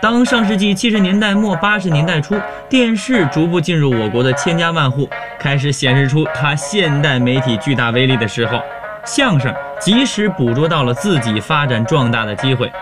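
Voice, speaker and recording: A man narrating a program in a measured, scripted storytelling voice, a little higher than most. Clear music plays behind him throughout. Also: lively intonation. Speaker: radio program host.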